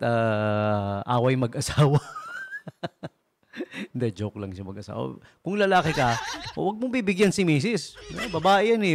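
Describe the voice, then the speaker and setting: Man, radio DJ, casual joking talk, lively pitch, faint music behind. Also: vocal fry. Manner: jokey, rambling, laughs often; mixes in English phrases. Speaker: radio DJ host.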